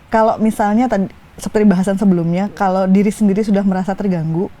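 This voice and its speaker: A woman's voice: medium pitch, quick pace, a crowd in the background. Laid-back woman explaining stuff in an interview, easygoing. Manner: relaxed, explanatory, lots of fillers. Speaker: HR practitioner. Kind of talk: casual interview answers.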